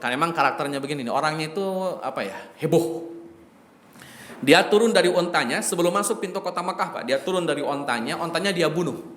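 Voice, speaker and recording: A lively preacher spins a story, joking and turning to his listeners often. His voice is high for a man. The recording carries the long, ringing echo of a large mosque hall. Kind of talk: sermon storytelling.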